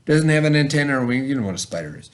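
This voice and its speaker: Rapid-fire and with lively intonation, a medium-pitched male voice teaches a child in an informal read-aloud and vocabulary lesson. As the schoolteacher, he explains things conversationally and checks whether the child understands.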